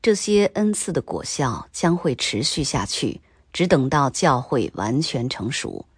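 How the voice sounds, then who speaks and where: A woman reading a scripted Bible commentary in a slow, measured, even way. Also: rumbling low, slightly rough, no room sound, studio quality.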